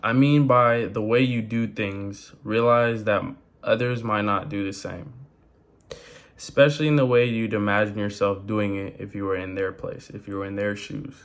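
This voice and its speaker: A man's voice: on the low side, fairly even intonation, normal speed. A young man vlogging, talking casually and rambling with lots of fillers and slang. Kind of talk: casual talk to camera.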